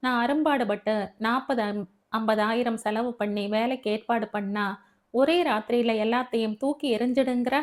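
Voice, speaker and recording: A woman's voice: fairly high pitch, fairly even intonation, normal speed, lightly acted. A woman reading the lines of a young husband in an audio novel, in a bossy, scolding way. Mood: angry. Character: young husband, teasing then stern.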